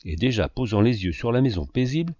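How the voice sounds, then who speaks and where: A man narrating a novel as an audiobook reader, with expressive, varied phrasing. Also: medium pitch, fast, dry recording. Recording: dull lo-fi dry recording.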